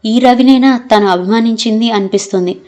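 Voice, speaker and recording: A woman narrating an audio novel in a steady, measured storytelling manner. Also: on the high side.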